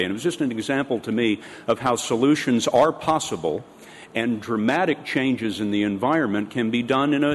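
Measured male moderator in an echoey hall. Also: medium pitch. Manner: measured, slows down for emphasis. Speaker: panel moderator. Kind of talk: moderating a conference panel. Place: large conference hall. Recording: echoey hall with faint room noise.

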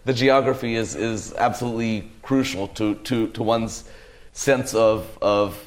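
A man speaking on a panel as an English professor, deliberate, often repeating words as he searches for the right phrasing. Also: fairly low pitch, fairly even intonation. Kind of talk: panel discussion talk.

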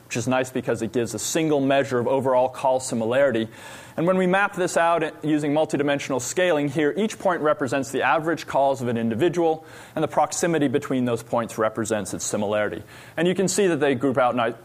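Male researcher lecturing from the stage, mid pitch, explanatory, halting with fillers. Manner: explanatory, pausing with frequent "uh" fillers. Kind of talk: academic lecture.

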